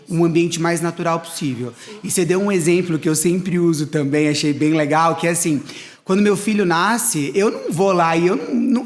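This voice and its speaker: A middle-aged man hosting a school talk show, explaining ideas step by step in a conversational way. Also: on the high side. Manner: explanatory, builds points in steps. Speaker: academic director hosting a school podcast. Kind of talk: conversational interview.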